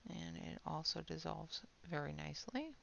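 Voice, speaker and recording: A woman giving a casual, unhurried art supply demonstration, half murmuring to herself, with a creaky voice that often trails off softly. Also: sits low, expressive, highs cut off, a little hiss or hum.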